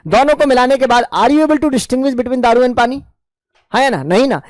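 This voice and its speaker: A man's voice: very high voice, moderate pace, dry recording. A man teaching a chemistry class in with English terms mixed in, asking his students questions and answering them himself in a coaxing, affectionate way. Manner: mixes English terms into Hindi. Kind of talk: classroom lecture.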